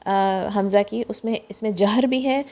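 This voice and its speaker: Mellow-voiced woman teaching recitation. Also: mid-range voice. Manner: explains step by step, mixes in English terms, demonstrates sounds. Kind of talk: online lesson on pronunciation of throat letters.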